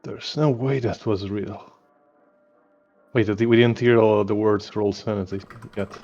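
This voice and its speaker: A man's voice: on the low side, fairly even intonation, darkish tone, soft background music. Incredulous man on a dull mic. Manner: incredulous, quick questions. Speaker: player.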